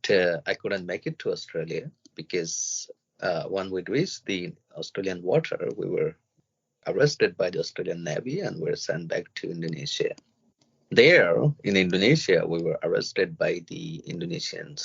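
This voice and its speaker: Podcast guest from Myanmar: low husky male voice, halting delivery, muffled lo-fi sound. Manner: halting, with many fillers and restarts. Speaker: interview guest, refugee and journalist. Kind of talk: casual interview talk.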